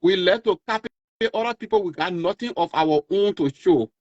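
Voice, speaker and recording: A man's voice: sits high, a little fast, no room sound. A man with a Liberian West African accent giving his opinion as a call-in guest, emphatic and repeating his phrases. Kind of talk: casual opinionated discussion. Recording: dull lo-fi call audio.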